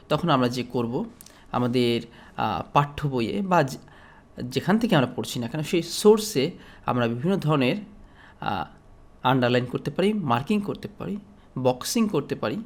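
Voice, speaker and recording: Man explaining study tips in a lecture. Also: mid-range voice. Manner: steady, explanatory, with frequent pauses and fillers. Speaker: teacher.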